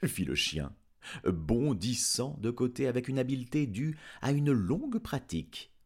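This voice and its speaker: A man narrating a novel aloud as an expressive audiobook reader. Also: mid-range voice, measured pace, breathy edge. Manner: expressive, lively reading. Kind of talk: audiobook storytelling.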